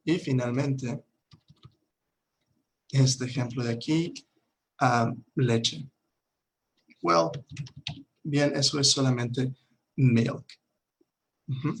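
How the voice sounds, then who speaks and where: A man's voice: medium pitch, breathy edge. A man teaching an online language lesson, patiently repeating words for his students to drill. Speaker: English teacher.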